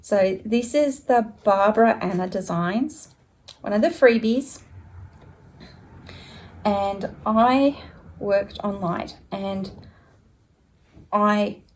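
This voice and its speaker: A chatty woman talks slowly through her craft projects in a relaxed home vlog. She wanders a little and corrects herself mid-sentence, in an easy, unhurried way. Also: medium pitch. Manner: chatty and rambling, self-correcting. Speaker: stitching vlogger. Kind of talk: casual show-and-tell chat.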